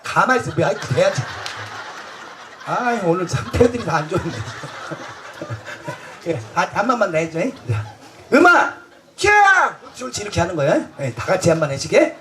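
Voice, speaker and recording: Rowdy high-voiced man joking onstage. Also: very animated, normal speed, fairly bright tone, slight background noise. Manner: boisterous, bantering with the audience, crude jokes; laughs through his lines. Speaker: street comedy performer. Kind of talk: festival stage comedy show.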